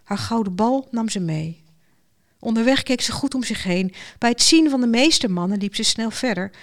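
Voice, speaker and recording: Woman with a fairly high narrating voice. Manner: lively, expressive storytelling. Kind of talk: storybook narration.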